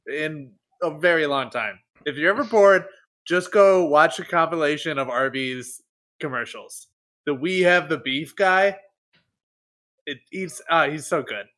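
A man's voice: on the high side, a bit bright. A man co-hosting a casual gaming podcast, teasing the others and rambling on with lots of ums. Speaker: podcast co-host.

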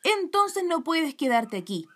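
A woman's voice: high voice, big pitch swings, measured pace, pushed and bright, voice pushed up, full character voice. A woman voicing a strict, prim fairy mother who scolds her daughter, in a storybook reading. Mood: angry.

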